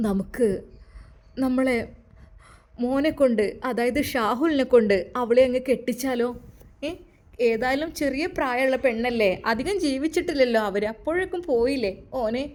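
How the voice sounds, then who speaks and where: A woman's voice: high-pitched, normal speed, darkish tone, close to an everyday voice. A woman voicing an older mother-in-law who reasons earnestly. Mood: persuasive.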